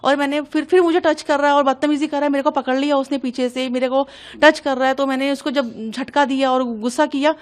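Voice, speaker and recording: High-voiced young woman, urgent testimony. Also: steady tone. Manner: urgent, agitated, hurried retelling. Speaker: interviewee recounting an incident. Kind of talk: emotional news testimony.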